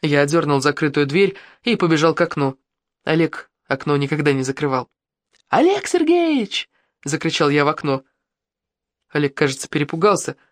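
A man narrating an audiobook in the first person, with lively, expressive storytelling. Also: on the high side, a little fast, no echo, clean studio sound.

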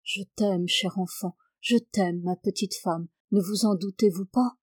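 An eager young army captain who talks to his new wife in a coaxing, affectionate way, as a woman reads his lines. The voice stays close to the reader's own middle pitch and is recorded dry in a storybook reading. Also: fairly even intonation, unhurried, dry recording, lightly acted. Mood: tender.

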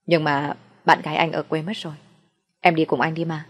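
Woman playing a soft-spoken young boyfriend, playful and reassuring, low husky voice, storybook reading. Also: level tone, a little fast, big-room sound. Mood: teasing. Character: young man, gentle teasing boyfriend.

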